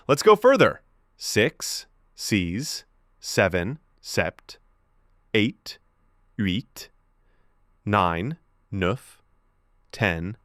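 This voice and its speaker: A man's voice: medium pitch, fairly bright tone, no echo, clean studio sound. A man teaching a beginner French lesson, encouraging and enunciating each word for students to repeat.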